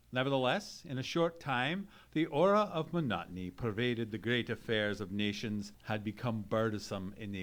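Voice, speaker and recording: A man's voice: mid-range voice, lightly acted. A man playing a genteel, courteous doctor and loyal companion in an old-time radio mystery, speaking in formal Victorian phrases. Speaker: narrator and actor in a live radio play. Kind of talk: old-time radio drama acting, storytelling. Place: live performance in a theatre.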